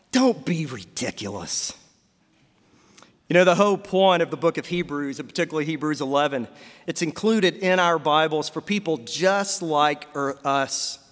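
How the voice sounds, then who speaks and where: A pastor with a high, somewhat bright voice preaches a sermon from the pulpit, asking his congregation questions. His words echo with the long reverb of a church hall.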